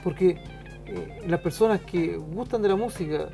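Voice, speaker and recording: A middle-aged man with a Chilean accent, a teacher chatting on a talk show, thoughtful and pausing often. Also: high voice, creaky, dark tone, soft background music. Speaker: show host and school teacher. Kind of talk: casual conversation on a talk show.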